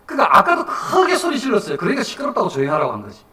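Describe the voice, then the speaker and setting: A male pastor preaching a sermon in an emphatic, animated way, recorded from a distance in a church sanctuary. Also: sits high, racing. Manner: animated, emphatic, acts out the crowd. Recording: echoey hall, distant mic.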